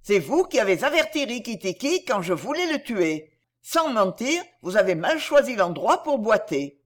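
A woman's voice: a little high, big pitch swings, moderate pace. A woman voicing a cold, menacing female cobra who taunts her prey cruelly in a storybook reading. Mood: taunting.

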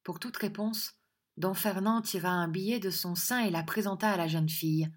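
Woman narrating a romantic novel. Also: medium pitch. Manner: measured, expressive reading. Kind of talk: literary audiobook narration.

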